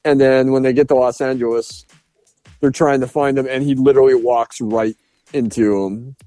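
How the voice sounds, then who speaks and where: A man's voice: medium pitch, normal speed, dry recording, soft background music. A man co-hosting a podcast, casually talking through a film review with laughs and restarts. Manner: animated retelling with frequent laughs and restarts. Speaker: podcast co-host.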